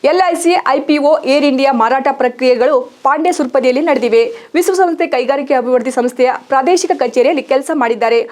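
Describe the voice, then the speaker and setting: A woman reading a scripted news report in an even, formal manner. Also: high voice, fast talker. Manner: even, formal read-out delivery. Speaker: news reader.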